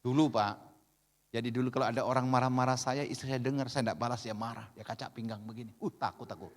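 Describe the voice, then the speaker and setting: A man in his fifties with a Javanese accent, preaching a sermon in an animated, joking way, swinging between loud calls and quiet asides. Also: medium pitch, fast talker. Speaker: pastor. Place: large church hall. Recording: echoey church hall with long reverb.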